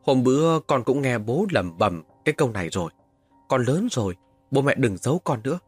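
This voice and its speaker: A man's voice: medium pitch, very animated, brisk, breathy edge, no room sound, soft background music. A man voicing a frightened young village boy who pleads and cries out in panic, in a spoken horror story. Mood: pleading.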